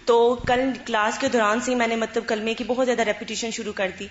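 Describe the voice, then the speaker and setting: Brief: woman student, chatty and hesitant, a bit high-pitched, echoey lo-fi room. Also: flat delivery. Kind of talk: sharing in class discussion. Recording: roomy, dull lo-fi classroom recording.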